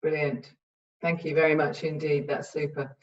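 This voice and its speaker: A woman with a deep voice and little melody chairs an online panel, polite and encouraging toward the speakers. She sounds far from the microphone, and the video call sound is dull and lo-fi. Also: level tone, moderate pace. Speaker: panel moderator.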